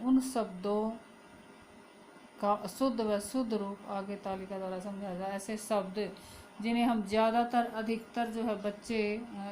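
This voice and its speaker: A woman's voice: mid-range voice, a little mellow, a little hiss or hum, poor audio. Woman teaching Hindi grammar to students. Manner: addresses students as children, repeats words for drill. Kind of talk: classroom-style lesson.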